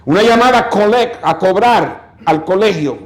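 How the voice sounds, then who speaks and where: A pastor's high, animated voice moves unhurriedly through his sermon in an echoey church. He tells a story dramatically, performing the quoted voices, and turns to scolding and exhorting the congregation.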